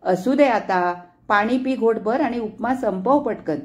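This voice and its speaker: Woman doing a soft-spoken husband, conciliatory, gentle, middle-aged. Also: on the high side, measured pace, close to an everyday voice. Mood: soothing.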